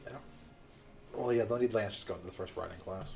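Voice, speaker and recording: A man's voice: on the low side, quick pace, gravelly, darkish tone, slight background noise. A man hosting a let's play, playfully commenting and thinking aloud about his strategy. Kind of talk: casual gaming banter.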